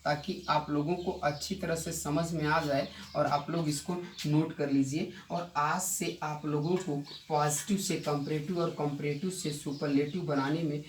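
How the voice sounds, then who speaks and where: A male English grammar teacher giving a classroom lesson, repeating key points and quizzing his students with quick rhetorical questions. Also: on the high side, fairly even intonation. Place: coaching institute classroom. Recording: echoey room, distant mic, faint noise.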